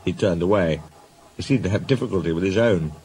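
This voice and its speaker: A man reading a children's story aloud in a measured, expressive way. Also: sits low. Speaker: narrator.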